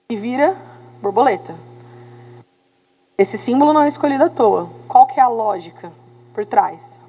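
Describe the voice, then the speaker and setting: Brazilian woman teacher, animated lecture. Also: on the high side, slightly rough, in a large hall, poor audio. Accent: Brazilian Portuguese. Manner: animated, talks to students with tag questions. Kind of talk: lively classroom lecture.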